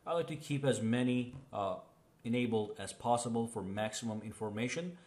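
A man hosts a relaxed phone tutorial in a mid-range voice. He explains each setting step by step, checks in with the viewer and punctuates changes with a quick "boom.". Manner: chatty, explains step by step, often says "okay?" and "boom". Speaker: tech reviewer. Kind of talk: casual phone tutorial walkthrough.

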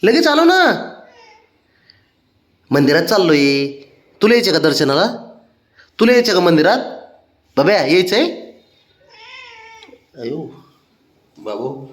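A man's voice: a little high, expressive, unhurried, long pauses, roomy sound. A man talking to his cat in a coaxing, pleading way, like baby talk. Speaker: cat owner. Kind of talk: casual talk to a pet.

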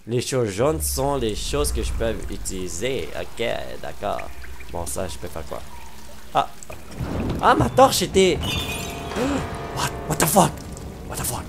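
A man's voice: medium pitch, very animated, slow pace, vocal fry, long pauses, music in the background. A man with a Québécois French accent giving let's-play commentary, exclaiming, joking and humming to himself as he plays. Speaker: gamer commentator.

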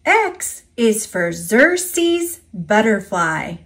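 An American woman reads an alphabet picture book to toddlers, enunciating simply and deliberately. Her voice is fairly high and a bit bright, with big pitch swings.

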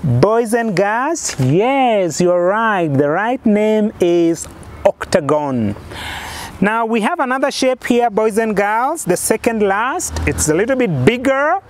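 Slow, high-voiced man, kids show host. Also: big pitch swings. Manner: asks guessing questions, counts aloud step by step. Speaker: children's lesson presenter. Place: outdoors on a lawn in a yard. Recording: faint outdoor background noise.

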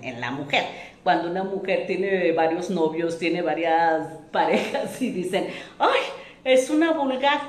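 Woman, motivational speaker, unhurried delivery, lower voice, roomy echo. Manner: slow, deliberate, repeats lists and acts out quoted remarks. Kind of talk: self-help talk.

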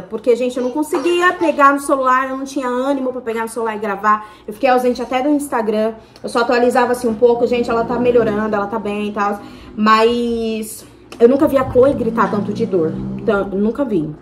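A woman's voice: on the high side, a bit bright, a little hiss or hum. Talkative Brazilian woman vlogging. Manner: talkative, tells everything in detail. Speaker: family vlogger. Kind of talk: casual chat to camera.

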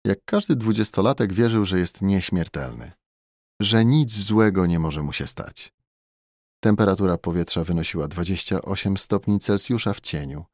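A man reading an audiobook in a steady, measured narration. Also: low voice, no room sound, studio quality.

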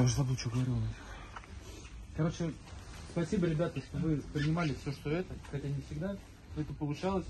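A man in his thirties, a football coach, giving an earnest, halting, blunt pep speech to his team after a match. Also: mid-range voice. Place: crowded indoor team locker room. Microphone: handheld camera a step or two away. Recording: noisy room captured on handheld camera.

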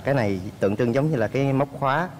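A man's voice: medium pitch, very fast, darkish tone, slight background noise. A young man, a dating show contestant in a television studio, answering the hosts politely and hesitantly, with many fillers. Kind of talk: answering host questions.

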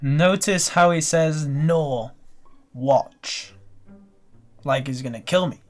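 A young man doing live gameplay commentary, swearing and breaking into excited shouts. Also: a little high, moderate pace, faint music behind. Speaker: gaming video creator.

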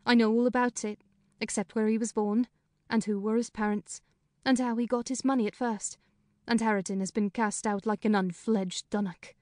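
With his voice pushed up high, a man plays a chatty middle-aged woman who keeps house, speaking plainly, frankly and briskly in a storybook reading. The tone is steady and darkish, not far from an everyday voice. The studio-quality capture has no room sound.

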